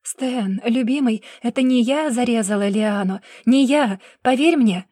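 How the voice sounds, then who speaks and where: A woman's voice: fairly high pitch, moderate pace, a little mellow, dry recording, clean studio sound, natural voice. A woman voicing a desperate young pregnant wife who pleads that she is innocent. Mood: pleading. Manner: pleading, breathless protests.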